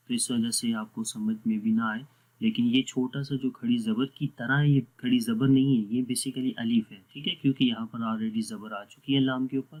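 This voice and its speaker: A man teaching a Quran recitation lesson online, explaining step by step, asking the class questions and answering them himself. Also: medium pitch. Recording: tinny phone-like audio.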